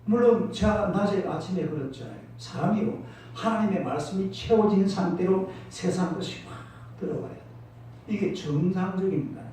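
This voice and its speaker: A man's voice: high voice, moderate pace, dark tone, slight background noise. A male pastor preaching a sermon, emphatic, calling out to the congregation for responses. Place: church sanctuary. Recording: echoey church hall from far off.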